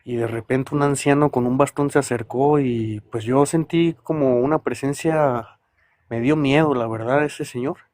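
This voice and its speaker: A man's voice: mid-range voice, fairly even intonation, normal speed, a little mellow, no echo. A man, calling in to tell a personal experience, rambling and hesitant as he talks straight to the listener. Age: 30s. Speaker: caller.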